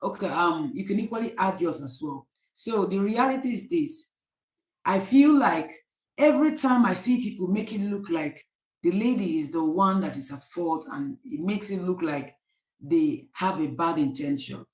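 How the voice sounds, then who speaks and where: Nigerian woman, live-stream host, lowish voice, echoey room, chatty with many ums. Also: animated, normal speed, darkish tone. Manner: chatty, greets viewers by name, many fillers. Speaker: livestream host. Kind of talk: casual live-stream chat.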